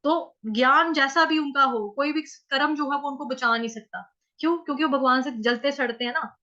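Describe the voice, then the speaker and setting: High, bright-voiced woman teaching chanting. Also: lo-fi sound. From North India. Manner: explains pronunciation syllable by syllable, chants words slowly. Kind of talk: online scripture chanting lesson. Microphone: video call.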